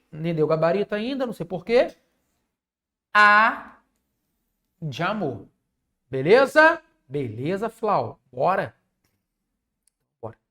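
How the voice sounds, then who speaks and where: A man's voice: high-pitched, fairly bright tone. A man teaching an online exam-prep class, repeating key rules, checking in often with viewers and joking with them. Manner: repetitive teaching with frequent check-ins; jokey, chats with viewers.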